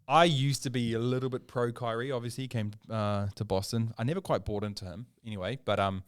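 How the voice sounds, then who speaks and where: A man's voice: mid-range voice, fairly even intonation, fast talker, smooth, no room sound, studio quality. A man co-hosting a casual sports podcast, opinionated and emphatic, pushing his points hard. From New Zealand. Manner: opinionated, emphatic, argues points with rising energy. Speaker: podcast co-host.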